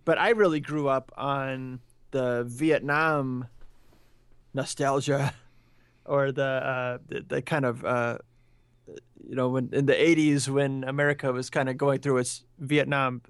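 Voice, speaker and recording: This podcast co-host, a man in his thirties, speaks in a medium pitch with a steady, smooth tone and an unhurried pace. The recording has studio quality and no room sound. He's casually talking through films, hedging thoughtfully and asking probing questions.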